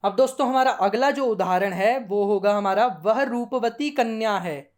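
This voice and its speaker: Woman teacher, fairly high voice, patient and repetitive, checking in as she explains. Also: a little slow, darkish tone. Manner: patient, repeats forms, frequent checking 'theek hai'. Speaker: Sanskrit grammar teacher. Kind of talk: classroom lesson.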